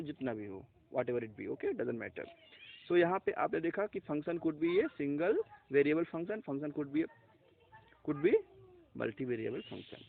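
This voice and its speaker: A man teaching a math lesson step by step, mixing in English terms and asking and answering his own questions. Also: on the high side. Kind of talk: classroom math lecture. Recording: tinny lo-fi, phone-like recording.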